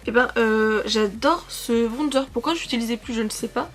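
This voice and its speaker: A young woman in her twenties with a slightly high voice talks through her makeup in a relaxed, chatty way. She rambles, corrects herself mid-sentence and leans on fillers, speaking into a camera mic at home. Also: moderate pace, soft background music. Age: 20s. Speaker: beauty vlogger. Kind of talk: casual makeup chat. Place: sitting on her couch at home.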